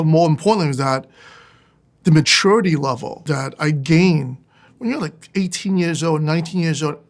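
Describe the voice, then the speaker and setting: A New York City fund manager with a fairly high-pitched, creaky voice talks candidly about his career. His conversational interview monologue is plainspoken and emphatic.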